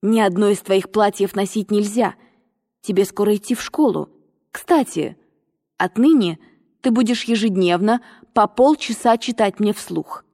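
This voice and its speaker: A stern, cold aunt who gives her orders in a dry, clipped tone, as a woman reader puts her on. She pitches her voice lower and keeps it mellow, and the reading carries a long reverb. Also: measured pace.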